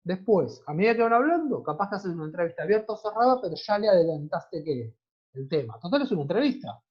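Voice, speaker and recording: A man's voice: high voice, very animated, fast talker, breathy edge, muffled recording. A man with an Argentine accent teaching a class online, often checking in with his students and asking questions that he answers himself. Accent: Argentine Spanish. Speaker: university teacher.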